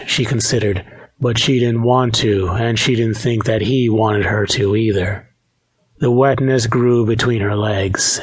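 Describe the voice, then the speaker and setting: Low, husky male audiobook narrator. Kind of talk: scripted narration.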